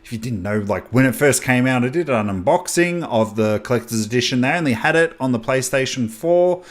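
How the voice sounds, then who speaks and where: A young man chats through his latest game pickups in a loose, excitable way. His voice sits at an ordinary middle pitch. He trips over his words, restarts sentences and corrects himself as he goes. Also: brisk. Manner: excitable, rambling with frequent restarts and self-corrections. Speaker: gaming channel host. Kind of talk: casual game haul chat.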